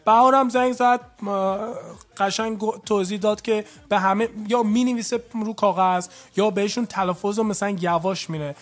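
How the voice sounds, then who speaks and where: A man's voice: sits high, few pauses. A man from Iran hosting a call-in radio show, chatting loosely and dropping English phrases into his talk.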